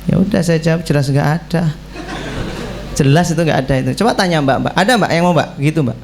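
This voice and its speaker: Joking preacher, high voice. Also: male voice, racing, creaky, slight background noise. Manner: playful, teasing, acts out questioners. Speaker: Islamic preacher. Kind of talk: joking religious talk to young people.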